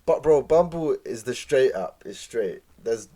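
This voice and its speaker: A man's voice: mid-range voice, lively intonation, unhurried, dark tone. A man with a London accent hosting a podcast in casual, slangy conversational banter. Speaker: podcast host.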